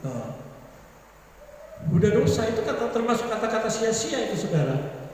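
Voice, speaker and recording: Chatty preacher in an echoey hall. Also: male voice, high voice, sing-song, moderate pace, darkish tone, slight background noise. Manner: chatty preaching, laughing asides, acts out quoted voices. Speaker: pastor. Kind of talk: sermon. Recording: echoey church hall from far off.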